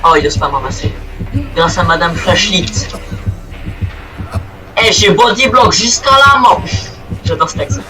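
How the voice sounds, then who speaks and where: A young man giving crude, excitable commentary while he plays a game, swearing often. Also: sits high, measured pace, long pauses, far from the mic, rough recording. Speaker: gaming video creator. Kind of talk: playing commentary. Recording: voice set back from the mic, game music behind.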